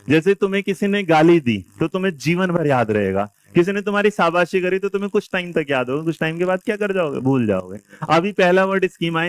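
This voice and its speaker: Indian guy teaching a class, quizzes and teases kids, smooth clear voice kinda high. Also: no room sound. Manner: lively, quizzes and teases students. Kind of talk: classroom lecture.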